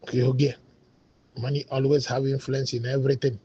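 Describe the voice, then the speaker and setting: This native Igbo speaker has a medium-pitched, dark voice with a breathy edge, speaking a little fast in a level tone. His loose, meandering commentary blends English and Igbo, full of hesitant fillers, in a Nigerian Igbo accent. There's no echo, but the audio is dull and lo-fi.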